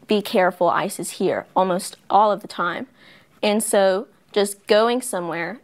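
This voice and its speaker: A young woman from Guatemala, a student panelist, telling her own experience in a heartfelt way. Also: mid-range voice. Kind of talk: panel discussion.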